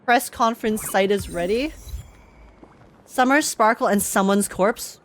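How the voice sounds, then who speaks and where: A female streamer gives casual, excited live commentary on a video game, rambling and emphatic and full of slang. She has a mid-range voice and a measured pace.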